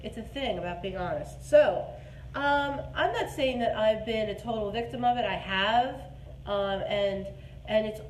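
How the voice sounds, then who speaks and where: Her mid-range voice moving a little slowly, a woman in her forties chats live and emphatically as host of a dating advice show. The echoey room carries clear background noise.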